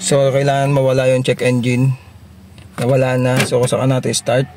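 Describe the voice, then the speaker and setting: A man's voice: medium pitch, monotone, normal speed, a little mellow. A man with a Filipino accent giving a casual, hesitant car walk-through as a vlogger, often repeating himself, recorded inside a car with machine noise behind him. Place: inside a car with engine running.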